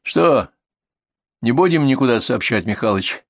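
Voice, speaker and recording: A man's voice: medium pitch, expressive, unhurried, creaky, no room sound, clean studio sound. A man voicing a tough young male paramedic who speaks in a threatening, scornful way, in a storybook reading.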